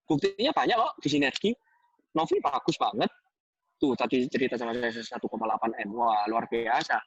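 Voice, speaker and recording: A man giving a lively motivational talk on a video call, telling stories and repeating phrases for emphasis. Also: medium pitch, fairly quick, slightly rough, no room sound, highs cut off. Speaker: guest speaker.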